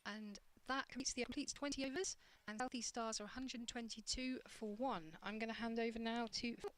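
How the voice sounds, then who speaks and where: A woman giving live cricket commentary, measured and analytical, reading the play ball by ball. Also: a little high, steady tone.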